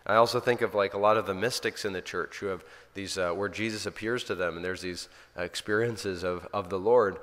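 Man, priest, low voice, earnest storytelling, long hall reverb. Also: fairly even intonation, a little fast, few pauses, a bit bright. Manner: earnest, storytelling, often restarts sentences. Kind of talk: informal spiritual talk.

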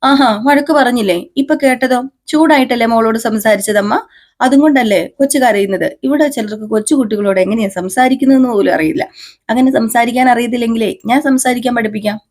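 A woman voicing a gentle, patient young wife who talks in a coaxing, pleading way. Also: fairly high pitch, brisk, natural voice. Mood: reproachful.

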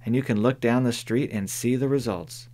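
A man voicing a sharp-tongued older woman neighbor in an audiobook, dry, firm and plain-spoken. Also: medium pitch, moderate pace, natural voice. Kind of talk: audiobook character voice.

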